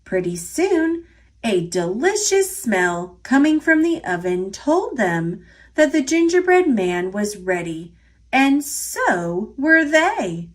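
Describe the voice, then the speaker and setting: An American woman reading a picture book aloud to young children in an expressive, deliberate storytelling style. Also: fairly high pitch.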